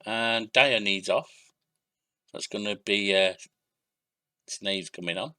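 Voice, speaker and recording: A man's voice: lowish voice, takes it slowly, pushed and bright. A young adult man giving casual let's-play commentary, narrating match action in short bursts and thinking aloud. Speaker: gaming YouTuber.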